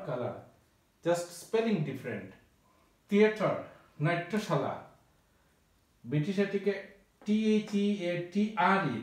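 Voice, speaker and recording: A man's voice: high-pitched, far from the mic. Echoey, off-mic male teacher. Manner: spells words out letter by letter. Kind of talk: vocabulary lesson.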